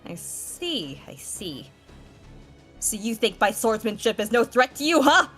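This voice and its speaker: A woman's voice: on the high side, very animated, a little slow, fairly bright tone, breathy edge, faint music behind, heavily acted. A woman voicing a brash young swordswoman. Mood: defiant. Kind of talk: fan voice reading of a game story.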